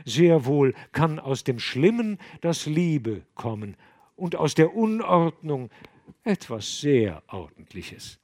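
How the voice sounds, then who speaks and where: A man voicing a gentle, kindly old abbot who speaks in a soft, low, soothing voice. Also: big pitch swings, slow pace, no room sound, clean studio sound, exaggerated voice. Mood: consoling.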